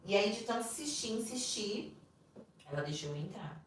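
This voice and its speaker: A woman's voice: mid-range voice, moderate pace. Brazilian woman telling a story in an echoey room. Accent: Brazilian Portuguese. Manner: animated, acts out the voices of people in her story. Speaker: podcast guest. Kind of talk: personal storytelling in a podcast interview. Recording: echoey room, distant mic, faint noise.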